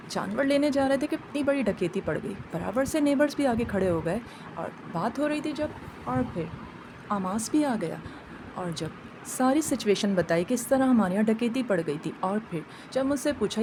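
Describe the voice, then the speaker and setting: A woman's voice: a little high, background noise. A woman narrating a first-person family story and voicing the other people in it. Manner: voices the other figures in dialogue.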